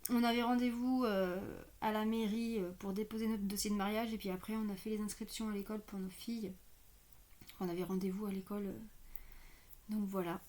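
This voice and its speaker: A woman's voice: mid-range voice, level tone, a little fast, darkish tone. A woman with a slight lisp on her s sounds, giving a casual card reading and thinking aloud as she goes, often hesitant. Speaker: online card reader hosting weekend guidance. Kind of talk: casual spoken tarot reading.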